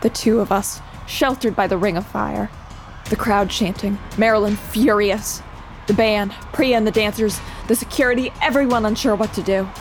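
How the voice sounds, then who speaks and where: A determined young woman tells her own story in an audio drama, voiced by an actress. Her narration is steady and earnest at a middle pitch, turning urgent when she speaks in her scenes. Quiet music plays underneath. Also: normal speed, close to an everyday voice. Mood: calm narration. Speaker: first-person narrator and lead character.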